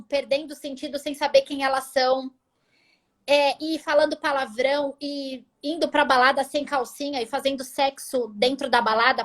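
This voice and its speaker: High-voiced Brazilian woman giving a testimony. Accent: Brazilian Portuguese. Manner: animated, expressive storytelling. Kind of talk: casual faith testimony.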